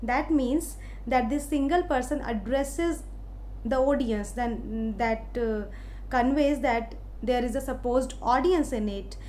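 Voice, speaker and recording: A woman from India with an Indian English accent, giving a literature lecture in a slow, explaining way with many hesitant fillers. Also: a little high, mellow, slight background noise. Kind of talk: recorded lecture.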